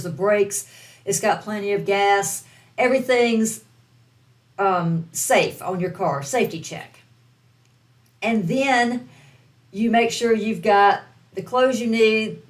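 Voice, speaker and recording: A woman with a Southern American accent, giving an earnest, direct motivational training for online business beginners. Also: medium pitch. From Southern United States. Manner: earnest, repetitive, direct coaching. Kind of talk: motivational training talk to camera.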